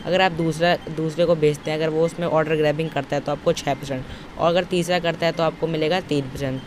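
Fast and flat, a young man's fairly high voice guides listeners through an informal, step-by-step tutorial. He's a tutorial presenter who uses repetitive instructional phrasing. Behind him is a noisy background that resembles outdoor traffic.

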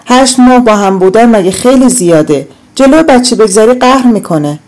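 A woman's voice: a little high, animated, voice pushed up, close to an everyday voice. A woman voicing a lecturing middle-aged mother. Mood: scolding. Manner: firm, admonishing, forceful.

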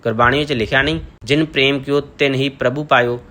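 A man's voice: mid-range voice, steady tone, quick pace, bright, forceful tone, natural voice. A man voicing an innocent, earnest young village girl who asks wondering questions, in an audiobook novel.

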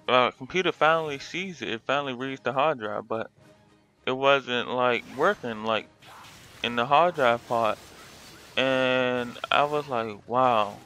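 A just-woken man gives a loose, rambling commentary, drifting through his story with fillers and restarts. His voice stays bright and a little strained despite the sleepiness. Faint music plays underneath. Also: mid-range voice, clean tone. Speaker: gaming commentator. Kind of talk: casual spoken commentary.

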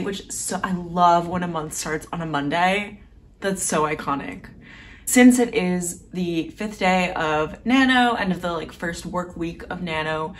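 A young adult woman, a novelist vlogger, chats informally and self-deprecatingly to camera in a casual personal vlog. She has a lowish voice, picked up by a distant mic in a small home room with a desk.

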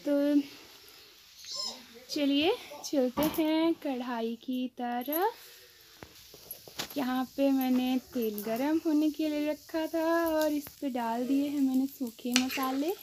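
A woman from Himachal Pradesh chatting slowly to her viewers as she cooks at a home stove, filmed on a phone. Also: sits high, noisy background. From Himachal Pradesh, India. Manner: slow, chatty, addresses viewers as friends. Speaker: cooking vlogger. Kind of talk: casual cooking narration. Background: sizzling and stirring in a pan.

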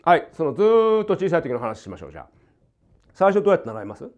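An older man from Hokkaido with a light Hokkaido accent, teaching jazz guitar in a casual, animated way and acting out rhythms and quoted voices. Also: a little high, very fast. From Hokkaido, Japan. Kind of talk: casual spoken lesson. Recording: dull lo-fi recording.

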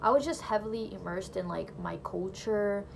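With vocal fry in a mid-range voice, the young woman speaks at normal speed over slight background noise. She's recording her faith testimony indoors in a small bedroom, phone or camera right in front, chatting in an English that's second to her Portuguese, laughing lightly, with frequent "like" and "you know."

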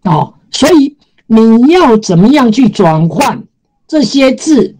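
Woman teacher, Taiwanese Mandarin accent, slightly high voice, patient explanations. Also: sing-song, takes it slowly, warm tone, low-quality recording. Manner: patient, explanatory, repeats key terms. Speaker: Japanese teacher. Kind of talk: classroom lecture.

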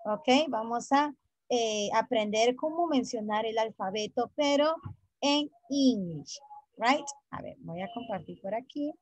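A woman teaching an online English class, patient and deliberate, repeating each point in English and then Spanish and spelling letters out one by one. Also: on the high side, animated, dry recording.

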